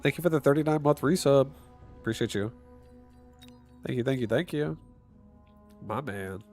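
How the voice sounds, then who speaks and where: A stuffy-nosed man streams a game with casual live commentary, thinking aloud and sometimes breaking into excited shouts. His mid-range voice moves at a moderate pace over faint background music.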